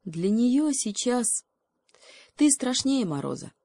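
A woman voicing a wise, sorrowful male hedgehog who speaks slowly. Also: lowish voice, lively intonation, a little mellow, no echo. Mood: sad. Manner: slow, sorrowful.

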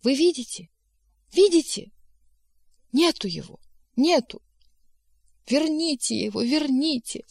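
A woman's voice: mid-range voice, takes it slowly, slightly rough, dry recording, studio quality. A woman voicing a hysterical young female secretary who sobs and wails, slightly nasal from crying. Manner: sobbing, wailing, breathless pleading.

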